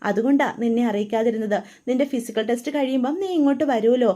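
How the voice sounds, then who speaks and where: A woman voicing a steady elder sister figure who speaks in a calm, reassuring way. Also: a little high, quick pace, lightly acted.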